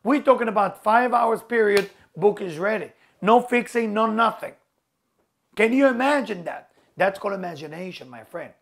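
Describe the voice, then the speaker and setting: A middle-aged spiritual teacher with Hebrew as his first language speaks in a high, creaky, animated voice at a moderate pace. Earnest and motivational, he keeps returning to key words with emphasis, his phrasing clearly non-native.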